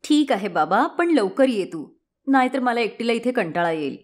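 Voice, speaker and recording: Woman doing a shrill, scolding young city bride. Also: sing-song, normal speed, slight background noise. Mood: casual. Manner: sharp, scolding and complaining. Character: spoiled, rude young city daughter-in-law.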